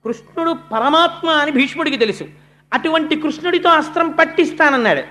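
A devotional storyteller recounts an epic. The delivery swings between forceful bursts and quiet, hushed stretches. It sounds like a dramatic spoken discourse. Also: high voice, fairly quick. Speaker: religious storyteller.

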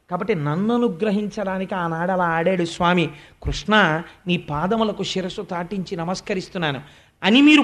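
High-voiced man giving devotional storytelling discourse. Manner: animated storytelling, recites verses slowly. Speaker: spiritual discourse speaker.

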